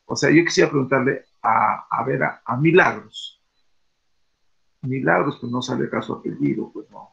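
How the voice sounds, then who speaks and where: Rambling teacher, gravelly voice. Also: male voice, mid-range voice, normal speed, a bit bright, highs cut off. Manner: rambling, many "este" fillers and rhetorical questions. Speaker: teacher leading an online class. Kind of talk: classroom talk over a video call.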